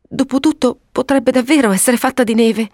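A woman voicing a timid, gentle mother who speaks hesitantly in a read-aloud story. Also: high-pitched, normal speed, no echo, studio quality, pitched above the performer's own voice, close to an everyday voice.

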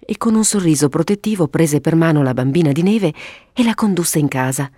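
A woman narrating a children's story aloud in an expressive reading voice. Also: sits low, fairly quick, no echo, clean studio sound.

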